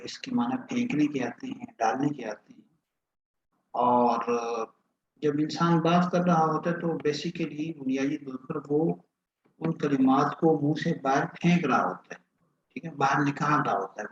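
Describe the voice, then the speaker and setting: A male teacher giving a patient lesson, repeating and explaining each point step by step and asking questions. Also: mid-range voice. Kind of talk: classroom lecture on grammar. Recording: echoey room, dull lo-fi sound with faint hiss.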